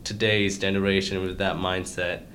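A young man chatting casually on a podcast, relaxed, with many fillers and laughs. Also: deep voice, normal speed, noisy background. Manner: relaxed, filler-heavy, laughs mid-sentence. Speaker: podcast co-host. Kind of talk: casual chat.

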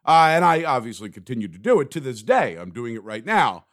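A man's voice: medium pitch, very animated, fairly quick, a bit bright. A man hosting a comedic solo podcast, talking in a sarcastic, rambling, self-mocking way. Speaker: podcast host.

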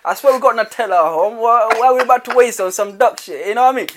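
A man's voice: very high-pitched, fast talker, background noise. A man hosting a podcast, telling casual stories in a rambling way with lots of restarts and slang tags. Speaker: podcast host. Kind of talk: casual chat.

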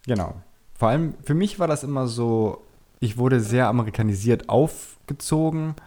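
This man, a video creator guesting on a podcast, casually recounts personal anecdotes and is frankly critical of himself. He speaks at a moderate pace in a mid-range, dark-toned voice.

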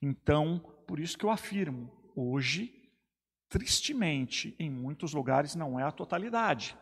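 A husky, slightly high male voice preaches in conversation, leaning hard on repeated phrases for emphasis. The sound carries a long reverb tail, as if recorded in a big echoing space. He talks like a pastor explaining doctrine to a co-host. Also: lively intonation, unhurried, a bit bright. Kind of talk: preaching in a two-man discussion.

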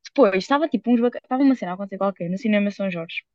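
Young portuguese woman, super fast chatty storytelling, lots of slang, dry kinda dull mic. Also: mid-range voice, a little mellow, no room sound. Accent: European Portuguese. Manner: rapid storytelling full of fillers and slang. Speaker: podcast co-host. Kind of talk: casual chat.

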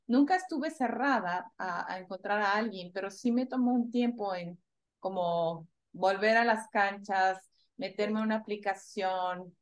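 A woman from Ecuador in her forties, a guest in a casual chat, talking thoughtfully with pauses and fillers. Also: medium pitch, poor audio.

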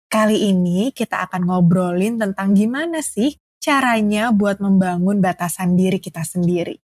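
A woman hosting a podcast, introducing the topic and sharing her own experience in a friendly, measured way. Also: medium pitch, dry recording. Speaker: podcast host. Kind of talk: casual podcast chat.

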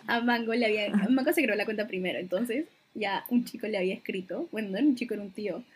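A woman co-hosting a casual chat, giggly and lively as she tells a story. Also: fairly high pitch, brisk, breathy edge. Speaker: podcast co-host.

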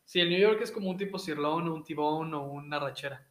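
A man with a northern Mexican accent speaks in a somewhat high register. He chats as an interview guest in slangy, joking, colloquial phrases. The room adds a clear echo to his voice. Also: fairly quick, fairly bright tone. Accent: northern Mexican (Nuevo León). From Nuevo León, northern Mexico. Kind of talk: casual interview chat. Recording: echoey room sound.

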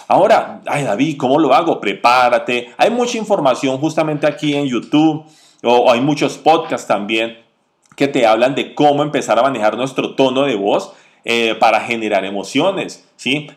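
Emphatic man coaching sales. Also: mid-range voice. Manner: emphatic, repeats key points, swings between loud and soft. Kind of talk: instructional episode monologue.

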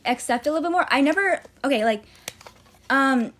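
A woman's voice: high voice, lively intonation, fairly quick, a bit bright. A young woman co-hosting a podcast in casual chat, rambling with many fillers and frequent giggles. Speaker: podcast co-host.

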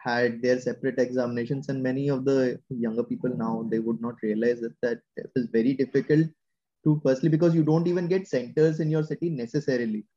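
A man with a North Indian accent leads a relaxed, conversational interview. His voice is dark and mellow at a middling pitch, and the sound is somewhat lo-fi. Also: fast talker. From Delhi, India. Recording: dull lo-fi audio.

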